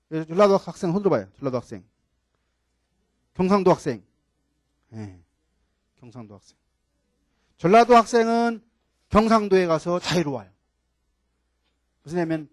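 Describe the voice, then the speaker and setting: An older male professor from Chungcheong, Korea, with a high voice, lectures his class and keeps it lively by questioning students and repeating key words. The recording is dry and close, with little room echo.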